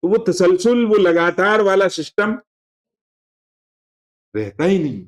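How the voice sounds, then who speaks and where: Man teaching a relaxed religious lesson. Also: sits high, slow. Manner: conversational, digressive, explaining terms with repetition. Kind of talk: classroom lesson.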